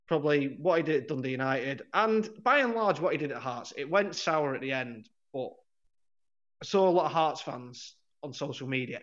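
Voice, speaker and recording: Over a dull, lo-fi recording, a football podcast co-host rambles through casual conversation, correcting himself and laughing frequently. He has a mid-range voice that's a bit bright.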